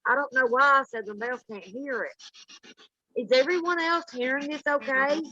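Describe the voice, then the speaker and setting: A woman's voice: high-pitched, normal speed, pushed and bright, no echo, highs cut off. A woman hosting a live paranormal session in casual chat, putting questions directly to spirits and viewers.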